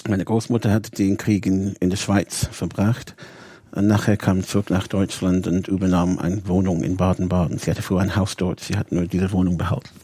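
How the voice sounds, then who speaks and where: Low, dark, and husky, this man's voice shows little pitch movement and moves at a moderate pace, recorded without echo. The 59-year-old English-accented rabbi from Bradford, Yorkshire, England, shares his story in conversational detail during an interview, sometimes groping for words.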